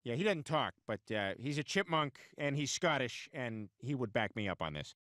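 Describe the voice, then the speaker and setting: An actor playing a dim, blustery middle-aged dad in an animated sitcom, goofy, rambling and blunt. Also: male voice, mid-range voice, normal speed, dry recording, studio quality. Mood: casual, clueless.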